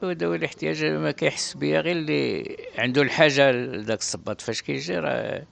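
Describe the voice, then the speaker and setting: A man's voice: fairly high pitch, fast talker, vocal fry, fairly bright tone, no room sound. A middle-aged man with a Moroccan accent answers interview questions about his craft in a casual, plain-spoken way, often repeating himself. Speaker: orthopedic shoemaker being interviewed.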